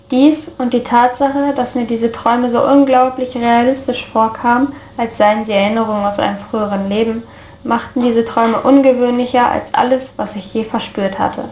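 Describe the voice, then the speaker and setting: A woman narrating a first-person story in a calm, even reading voice. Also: fairly high pitch, reverberant, a little hiss or hum. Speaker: story reader.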